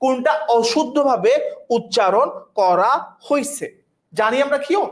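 A woman's voice: fairly high pitch, expressive, unhurried. A woman teaching a vocabulary class, repeating each word and often checking that students understand. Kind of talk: online class lesson.

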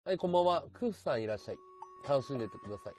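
A man from Chiba chatting casually on his live stream, answering viewer comments in a relaxed, chatty way. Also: medium pitch, rapid-fire, soft background music. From Chiba, Japan. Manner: relaxed, chatty, talks back to chat comments.

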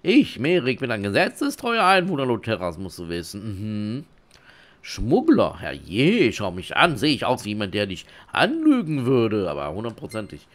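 A man reading game dialogue aloud in character as a shifty, smooth-talking male smuggler innkeeper, with theatrical, wheedling, mock-innocent delivery. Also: lowish voice, wildly swooping pitch, normal speed, a bit bright. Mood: sly.

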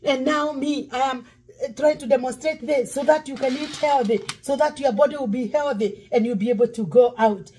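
A middle-aged woman pastor preaches a sermon while cooking in her home kitchen, now and then breaking into song. Her voice is high, warm and husky, fairly quick, with fairly even intonation. A fixed camera across the counter picks her up.

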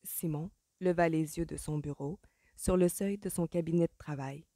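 A woman narrating an audiobook in a measured, expressive way. Her voice sits a little low and sounds mellow. The recording is dry and close to the mic. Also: dry recording. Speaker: audiobook reader. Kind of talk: scripted narration.

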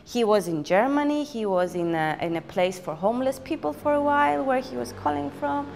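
A woman's voice: a little high, brisk, vocal fry, darkish tone, a little hiss or hum. A woman telling a personal story in a documentary interview, reflective and hesitant, often restarting her sentences. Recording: long hall reverb.

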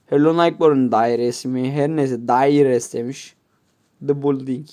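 A man's voice: mid-range voice, fairly even intonation, normal speed, mellow. A man giving casual gameplay commentary, swearing constantly and grumbling to his viewers in mock-offended asides. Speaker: gameplay YouTuber.

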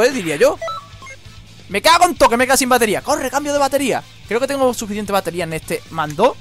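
Fast, high-voiced young Spanish gamer. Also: male voice. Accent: Spain Spanish. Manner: rapid, jokey, exclamatory, swears often. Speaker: gameplay commentator. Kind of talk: excitable let's-play commentary. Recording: game music playing behind. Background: game music.

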